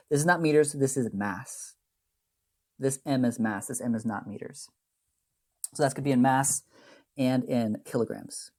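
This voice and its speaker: A man's voice: medium pitch, darkish tone. A man teaching chemistry in a recorded lecture, talking through slides in a loose, rambling way, often checking in with a tag question and correcting himself mid-sentence. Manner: plays down the math. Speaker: chemistry instructor.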